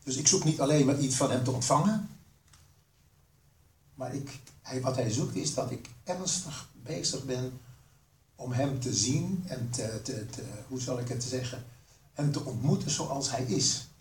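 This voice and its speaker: An older man giving an earnest sermon, asking the listeners questions and pausing with fillers. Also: mid-range voice, darkish tone, slight background noise. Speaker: preacher. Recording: roomy hall, voice from a distance.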